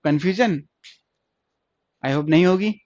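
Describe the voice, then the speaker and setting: A man's voice: a little high, measured pace, darkish tone, dry recording, lo-fi sound. A man teaching a stenography class online, repeating each point and asking questions he then answers himself. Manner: repetitive, asks questions and answers them himself.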